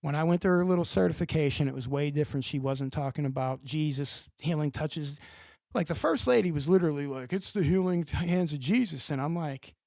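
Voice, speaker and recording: Gravelly, profane storyteller man. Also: fairly high pitch, a little fast, no echo. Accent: Pittsburgh. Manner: profane, animated storyteller acting out scenes. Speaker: podcast guest. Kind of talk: casual storytelling.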